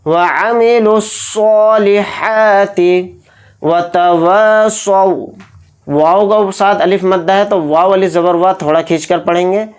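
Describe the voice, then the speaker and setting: A man teaching Quran recitation, patiently explaining each letter and drawing out the sounds as he demonstrates. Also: on the high side. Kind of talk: slow, methodical recitation lesson.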